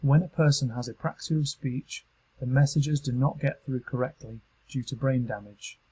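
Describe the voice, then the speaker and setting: Husky man narrating a training module. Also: mid-range voice, low-quality recording. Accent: British English. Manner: calm, measured instructional delivery. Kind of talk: scripted narration.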